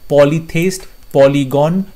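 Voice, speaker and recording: A man's voice: a little high, fairly even intonation, mellow. A man teaching English vocabulary in a lesson, listing words one after another, giving short meanings and checking that his students follow. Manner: lists words and gives quick meanings, checks understanding.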